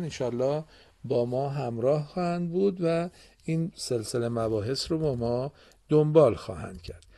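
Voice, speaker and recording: Male radio teacher, warm mellow tone, patient and encouraging, quizzes pupils in the studio. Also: mid-range voice. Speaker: Quran reading teacher and radio host. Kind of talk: radio classroom lesson.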